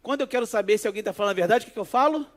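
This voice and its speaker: A pastor delivers a sermon, his voice sitting high for a man. He preaches in a lively, conversational way and weaves personal stories into the message. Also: racing. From Brazil.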